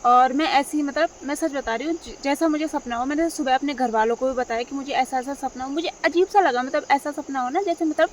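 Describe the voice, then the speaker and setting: Young woman, high voice, rambling casual vlog talk, faint insects and rural sounds behind. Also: fairly quick, few pauses, slight background noise. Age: young adult. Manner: rambling, repeats herself, many fillers. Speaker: vlogger.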